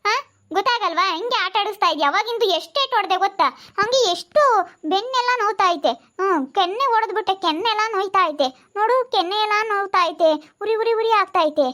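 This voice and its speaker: A woman playing a frightened, indignant village housewife who scolds in shrill complaints, with a rural central Karnataka accent in a village comedy skit. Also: fast, bright, forceful tone. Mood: scolding. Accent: rural central Karnataka Kannada.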